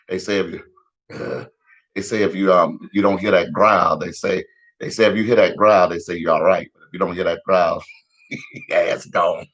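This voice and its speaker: Deep-voiced man ranting, hoarse. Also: fairly bright tone, poor audio. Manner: profane, heated, repetitive, laughs at own jokes. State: a little hoarse. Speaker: vlogger giving street-style news commentary. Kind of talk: casual ranting commentary.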